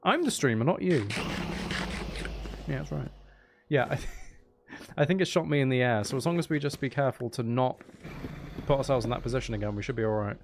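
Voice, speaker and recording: Streaming a video game live, a man comments casually and animatedly, often exclaiming and complaining in jest. His medium-pitched voice moves briskly but with long pauses, over a noisy background.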